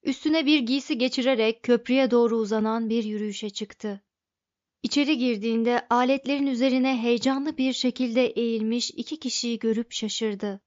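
Woman reading an audiobook, calm and even, dry dull recording. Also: a little high, moderate pace, no room sound. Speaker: audiobook narrator. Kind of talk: scripted audiobook narration.

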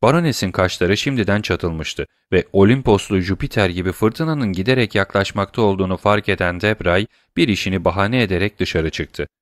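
Sesli kitap anlatıcısı, pes sesli erkek, kuru kayıt. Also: male voice, low-pitched, brisk, hardly any pauses, no echo, studio quality. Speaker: audiobook narrator. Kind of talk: scripted literary narration.

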